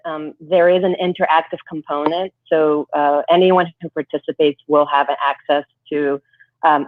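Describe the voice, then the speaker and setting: A woman's voice: sits low, dry recording. Woman on a glitchy, tinny call line. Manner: earnest, promotional, with fillers. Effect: glitchy, degraded call audio. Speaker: guest organizing a wellness event. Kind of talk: remote guest on a talk show. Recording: tinny phone-line sound.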